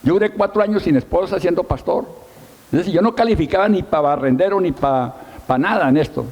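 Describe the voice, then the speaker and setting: A man's voice: sits high, a little fast, darkish tone. A middle-aged man, a pastor preaching a sermon, telling his story with emphasis and self-mocking humor. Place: church hall with long reverb. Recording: long hall reverb.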